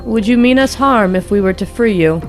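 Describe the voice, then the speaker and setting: A woman's voice: a little high, fairly quick, soft background music, voice pushed up, lightly acted. A woman voicing a curious, polite and kindly half moon elf with a formal, courteous manner. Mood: earnest, formal.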